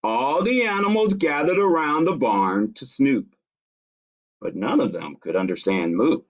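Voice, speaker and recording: A male storyteller reads a picture book to children in a playful, deliberate way. His mid-range voice moves up and down dramatically at an unhurried pace. The sound is a little dull and lo-fi. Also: mid-range voice, lively intonation. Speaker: library storytime host reading aloud to children. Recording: dull lo-fi stream audio.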